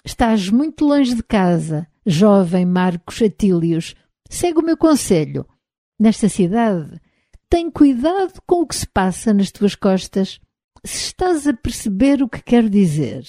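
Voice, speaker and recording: A woman's voice: mid-range voice, big pitch swings, a little slow, dark tone, no echo, studio quality. A woman with a European Portuguese accent voicing a resentful, sarcastic male foreman in an audiobook. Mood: mocking. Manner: sarcastic, mocking.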